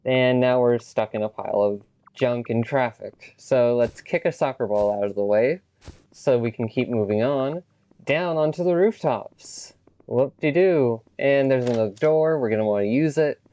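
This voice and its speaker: A man's voice: mid-range voice, moderate pace, mellow, smooth. A man casually narrating a video game walkthrough with wry, offhand remarks. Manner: wry, offhand, swears when he slips.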